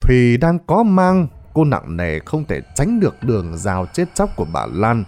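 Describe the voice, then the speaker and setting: Lively male ghost story narrator. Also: medium pitch, normal speed, soft background music. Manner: theatrical, lively delivery. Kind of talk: dramatic storytelling.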